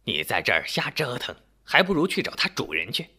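A man voicing a worried elderly village wife, raising his pitch to scold and fuss. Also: wildly swooping pitch, fairly quick, sharp tone, breathy edge, heavily acted. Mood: chiding. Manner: scolding, pitch raised high.

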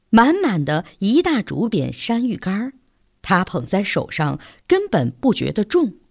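A woman narrating a story in an expressive, lively reading voice. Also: mid-range voice, vocal fry, no echo, studio quality.

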